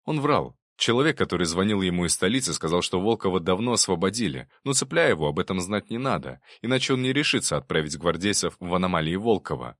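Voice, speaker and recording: Man, audiobook narrator, low voice, dry close sound, steady storytelling. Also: fast, hardly any pauses, no echo.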